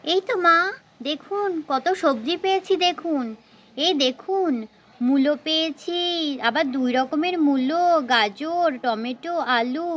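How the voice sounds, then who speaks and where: A woman's voice: sits high, measured pace, a bit bright, highs cut off. A woman voicing a fussy young village housewife in a doll story, grumbling and scolding as she talks. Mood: fussing.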